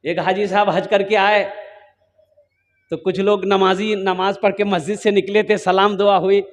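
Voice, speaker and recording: A man's voice: high-pitched, little pitch movement, moderate pace. A man with a Kolkata Bengali accent preaching a sermon to a large gathering, urging the crowd with humorous asides. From Kolkata, India. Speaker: Islamic preacher. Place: large outdoor religious gathering. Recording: echoey public-address reverb.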